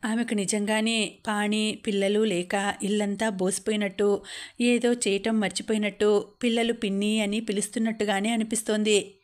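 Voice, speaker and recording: A woman reads a story aloud for an audiobook. Her delivery is steady and practiced, at a middle pitch for a woman. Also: normal speed. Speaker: audiobook narrator. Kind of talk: scripted narration.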